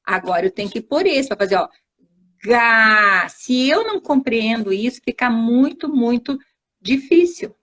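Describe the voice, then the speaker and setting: An invited teacher joins a live stream via video call, her high-leaning voice moving through big pitch swings at normal speed. Her interview answers are didactic and explanatory, laying out step-by-step examples and regularly checking in with tag questions.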